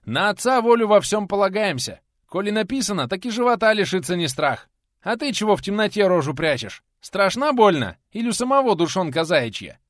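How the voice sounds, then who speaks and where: A man voicing an older retired teacher, a blunt, hot-tempered man who shouts back at challenges in a lively, animated voice. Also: a little high, normal speed, no echo, studio quality, voice pushed up. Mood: defiant shouting.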